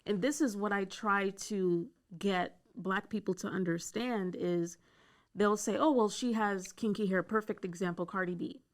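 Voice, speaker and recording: Woman guest on a talk show, clear and articulate, uses lots of examples. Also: medium pitch, moderate pace. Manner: articulate, builds points with examples. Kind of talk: casual debate talk.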